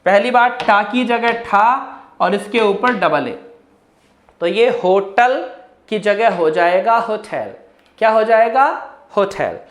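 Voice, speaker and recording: A man teaching English pronunciation in a spoken lesson, drawing out example words slowly and quizzing listeners with repeated questions. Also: high voice, fairly bright tone, echoey room. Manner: slow, drawn-out demonstrations of each word.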